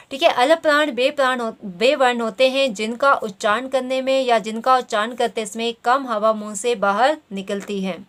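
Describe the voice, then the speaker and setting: A woman's voice: on the high side, a bit bright. A woman teaching grammar, walking through quiz questions and repeating "theek hai" as she explains. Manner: says "theek hai" constantly, reads options slowly.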